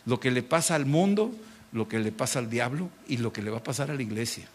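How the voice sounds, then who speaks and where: A middle-aged pastor, preaching a dramatic sermon and acting out mocking voices. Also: male voice, medium pitch, animated, brisk, a little hiss or hum.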